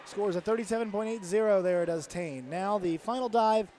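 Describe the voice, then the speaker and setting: A man giving live commentary at a diving championship, briskly announcing each diver and score. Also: sits high, crowd noise.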